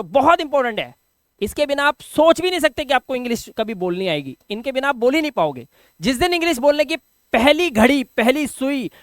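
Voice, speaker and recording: A man teaching English vocabulary in a video lesson. He repeats each word, keeps asking if his students follow, and pushes in loud, encouraging bursts. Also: high voice, no echo, clean studio sound. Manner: drills words, repeats them, keeps asking "ठीक है?"; animated and encouraging, with sudden loud emphasis.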